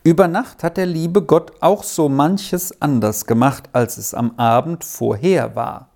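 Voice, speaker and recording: A reader voicing a gentle old grandmother. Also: mid-range voice, natural voice. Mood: gentle, admonishing. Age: over 60. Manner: soft, admonishing, slow and thoughtful. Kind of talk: storybook reading.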